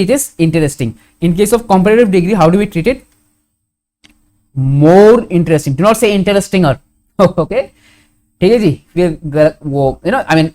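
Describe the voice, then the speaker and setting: Teacher saying "okay" constantly. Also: male voice, on the high side, darkish tone. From India. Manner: fills with frequent "okay", corrects himself, asks and answers questions. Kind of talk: grammar lesson to students.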